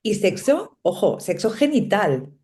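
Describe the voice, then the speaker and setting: A woman's voice: mid-range voice, sing-song, measured pace, warm tone. A middle-aged woman with an accent from Spain, speaking as a podcast guest in casual conversation. She talks reflectively and keeps adding little tag questions. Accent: Spanish from Spain. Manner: reflective, pads her sentences with tag questions.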